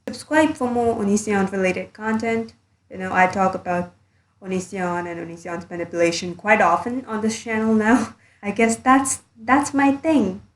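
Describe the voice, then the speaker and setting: A woman's voice: mid-range voice, fairly even intonation, moderate pace. Woman YouTuber, blunt commentary, recorded under a blanket, echoey sound. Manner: blunt, earnest, a bit sweary. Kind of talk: casual commentary monologue.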